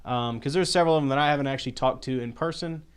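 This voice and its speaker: A man's voice: medium pitch, rapid-fire, clean tone, no echo. A man co-hosting a giveaway show in casual, playful banter, teasing as he chats. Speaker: show co-host.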